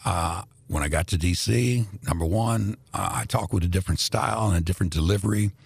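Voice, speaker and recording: An older man with a low, gravelly, husky voice tells stories unhurriedly, drawling and laughing often. He was born in Greece and grew up in Indianapolis. The sound is close and dry, with no room echo. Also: fairly quick. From born in Greece, raised in Indianapolis. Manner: relaxed, drawling, laughs often, many fillers. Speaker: radio personality, guest. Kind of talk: casual interview storytelling.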